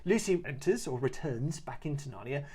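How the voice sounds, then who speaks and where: A man's voice: mid-range voice, animated, normal speed, mellow, husky. A man hosting a casual film podcast, reading out plot summaries and teasing his co-host. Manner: playful, teasing, laughs easily.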